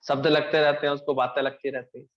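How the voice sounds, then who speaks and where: Speaking fast with a flat delivery, a man with a slightly high voice gives a Hindi satsang discourse as a spiritual teacher. He tells stories and puts questions to his listeners, then answers them, all captured in a dull lo-fi recording.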